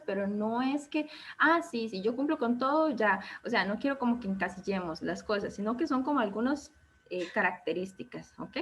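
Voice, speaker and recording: A woman therapist with a Costa Rican accent leading a self-esteem workshop in a relaxed conversational way. She keeps checking in with her listeners and acts out quoted thoughts in a raised voice. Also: a little high. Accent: Costa Rican Spanish. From Costa Rica. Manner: conversational, checks in with frequent "¿ok?" and "¿verdad?". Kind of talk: live online workshop talk. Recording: dull lo-fi sound with faint background noise.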